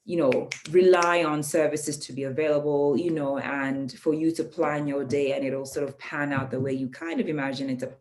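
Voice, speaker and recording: A Kenyan woman whose first language is Swahili speaks in a low, slightly mellow voice. She's an adult with a young child, a guest in a casual conversation, reflective and often pausing with "um."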